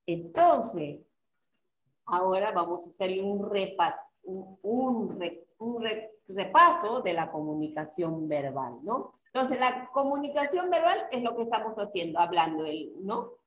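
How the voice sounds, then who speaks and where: A woman teacher with a Peruvian Spanish accent giving an online class, speaking slowly and checking in with students through repeated questions. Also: mid-range voice, big pitch swings, echoey room, rough recording.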